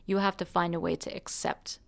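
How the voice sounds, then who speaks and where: A woman's voice: lowish voice, level tone, fairly quick, vocal fry. A woman hosting a podcast, an artist talking earnestly and musingly, with restarts and light laughs. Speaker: podcast host and musician. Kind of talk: reflective conversation.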